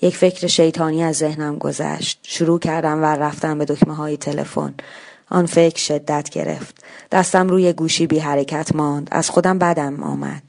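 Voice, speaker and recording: A woman with a fairly low voice reading a short story aloud. Her delivery is measured and calm, with an even, unhurried narrating tone. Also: creaky.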